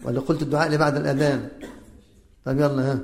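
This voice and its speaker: A man's voice: medium pitch, flat delivery, very fast, vocal fry, a little mellow, reverberant. A man giving a religious lesson, drilling listeners with repeated questions and chanting the examples himself. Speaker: religious teacher. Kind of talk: religious lesson on the call to prayer.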